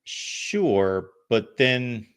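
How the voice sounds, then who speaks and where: Very slow yet very animated, the college football call-in show host breaks down his conversational analysis step by step in a matter-of-fact way. His medium-pitched voice has a clean tone.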